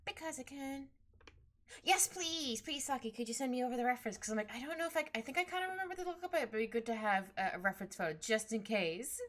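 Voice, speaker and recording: Giggly high-voiced woman streaming. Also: fast talker. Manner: giggly, bubbly, trails off and restarts. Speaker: streamer drawing live. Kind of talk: casual chat with live chat while drawing. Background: soft background music.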